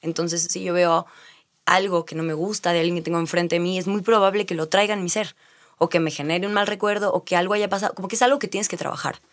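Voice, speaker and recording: A woman chats as an interviewed actress. Her voice sits a little low and she laughs easily, talking in a loose, animated way. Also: fast. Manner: animated, laughs often, slips into playful accents. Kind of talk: casual interview chat.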